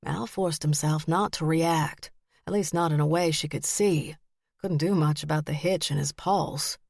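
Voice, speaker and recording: A woman narrating a historical romance audiobook in an expressive storytelling voice, lifting her pitch to act out the characters. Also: measured pace, vocal fry, no echo, clean studio sound.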